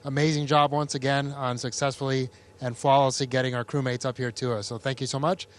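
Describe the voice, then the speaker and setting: A man's voice: mid-range voice, flat delivery, a little fast. A man speaking as an astronaut, giving formal welcoming remarks over a space station link.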